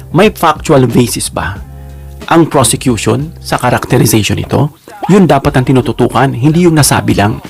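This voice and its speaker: A man's voice: medium pitch, creaky. A man giving casual political commentary as a vlogger, chatty and emphatic, often checking in with his viewers. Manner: chatty, repeats "no?" and addresses viewers; slow and emphatic on key words.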